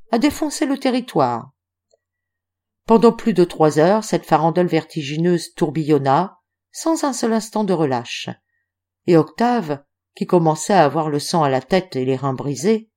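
A woman reading an audiobook aloud in an animated, theatrical storytelling manner. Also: on the low side. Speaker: audiobook reader. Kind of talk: expressive literary narration.

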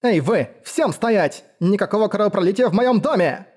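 A man voicing a determined young woman who takes charge of her house, speaking hoarse and urgent. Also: a little high, lively intonation, fairly quick, darkish tone, natural voice.

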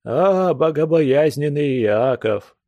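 A man's voice: fairly high pitch, animated, slow, mellow, no echo, muffled recording. A man reading aloud plays a drunken old male guest who wails and pleads in grand, churchy phrases, in a somewhat raised voice. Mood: drunken pleading. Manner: wailing, churchy pompous phrasing.

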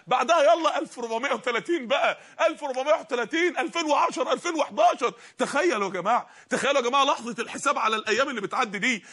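Fast, high, impassioned Egyptian preacher. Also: male voice, pushed and bright, husky. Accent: Egyptian Arabic. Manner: impassioned, rapid-fire rhetorical questions. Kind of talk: sermon.

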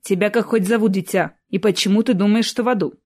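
A woman voicing a handsome man of about thirty with a dry, ironic and unhurried manner, in an audiobook. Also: medium pitch, darkish tone, close to an everyday voice. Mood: amused.

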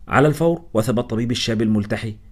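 In this scripted audiobook, a male narrator tells a story in the first person with a consistent storyteller's delivery. He talks very quickly at a medium pitch.

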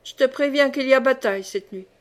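Lady reading as a gruff bossy knight, cusses a lot, kinda high voice. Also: a little fast, lightly acted. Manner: swearing, commanding. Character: gruff blustering knight commander, man.

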